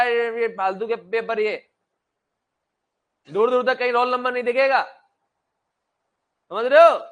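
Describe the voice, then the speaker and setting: A man's voice: very high-pitched, fairly bright tone. A young man teaching a classroom lecture, blunt and joking, who asks his students questions and then answers them himself.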